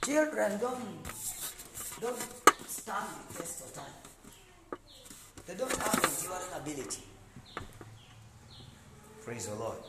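A man's voice: sits high, sing-song, slow, long pauses. A man preaching a sermon, stressing points with call-and-response and frequent "praise God". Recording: echoey room, some noise.

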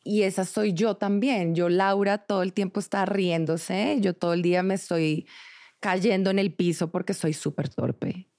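A woman's voice: on the low side, fairly even intonation, darkish tone. A woman in her thirties with a Colombian accent, chatting casually as a podcast guest in a bubbly, self-mocking way. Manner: bubbly and self-mocking, quick, laughing often. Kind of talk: casual chat.

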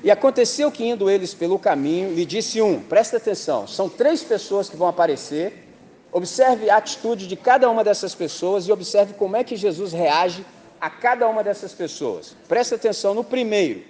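A man with a Brazilian accent preaching a sermon in a lively, slangy way, full of rhetorical questions. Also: high-pitched, brisk, in a large hall. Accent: Brazilian Portuguese.

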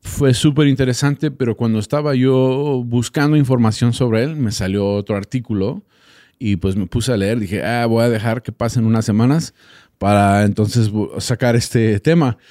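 A man's voice: medium pitch, moderate pace, warm tone, dry recording, studio quality. A man from Texas with an American accent, a native English speaker, hosting a casual solo podcast and often hesitating as he searches for words. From Texas, United States. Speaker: podcast host.

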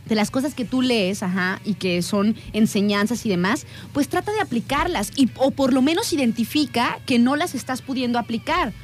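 A woman's voice: a little high, expressive, moderate pace, hardly any pauses. A woman with a Mexican accent co-hosting a show, playful and chatty in casual conversation. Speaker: co-host. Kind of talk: casual chat.

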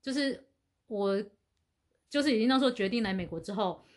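A woman's voice: medium pitch, fairly quick. A woman in her thirties from Taiwan, speaking with a Taiwanese Mandarin accent, chatting as a podcast co-host and mixing English words into her talk. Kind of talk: casual chat.

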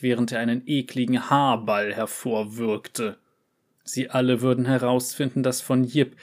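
Guy reading a short story out loud, calm and steady, normal pitched voice. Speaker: narrator.

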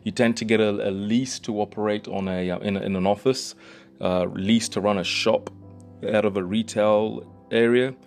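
Kiwi guy talking property, lowish voice, lots of ums and restarts, faint music under it. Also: fairly even intonation, normal speed, gravelly, darkish tone. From New Zealand. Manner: loose and conversational, many fillers and restarts. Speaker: real estate broker and host. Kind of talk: casual explainer monologue.

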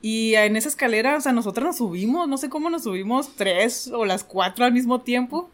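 A woman's voice: a little high, lively intonation, brisk. A woman with a Mexican accent in casual chat, telling a childhood story with laughter and acted quotes. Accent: Mexican Spanish.

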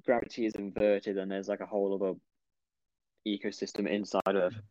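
A young man hosting a casual podcast chat, animated, jumping between topics and mocking other people's voices. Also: fairly low pitch, fairly quick, no echo, highs cut off. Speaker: podcast host.

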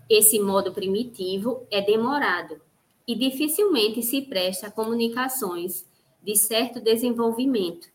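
A woman co-hosting an online talk from home, reading a passage aloud and explaining it in a measured way. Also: mid-range voice, slight background noise, rough recording. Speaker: co-host of an online study show. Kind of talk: reading a text aloud and commenting on it. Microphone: internet call.

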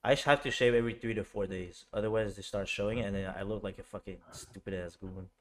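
A man's voice: lowish voice, fairly even intonation, fast. A young man in casual group chat, rambling on with many fillers.

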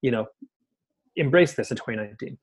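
A man in easy casual conversation as a podcast co-host. He talks in a relaxed, unhurried way and laughs readily. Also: medium pitch, slightly rough. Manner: easygoing, laughs often, many fillers. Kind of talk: casual chat.

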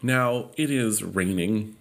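A man from California telling a road trip story in casual, profane, animated chat. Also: fairly low pitch, slow pace, vocal fry.

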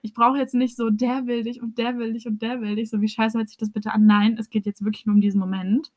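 A woman's voice: a little high, flat delivery, fast, darkish tone. A young woman chatting casually, teasing her friend and complaining with playful drama. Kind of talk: casual chat.

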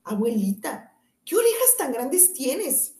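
A woman's voice: very animated, takes it slowly, dark tone, echoey room, full character voice. A woman doing a wide-eyed little girl. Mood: wondering. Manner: high, childlike and wide-eyed.

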